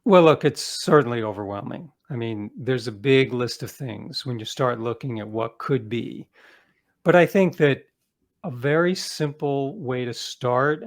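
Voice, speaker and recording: Giving an interview, an American man with a medium-pitched voice lays things out earnestly and casually, repeatedly catching himself and rewording.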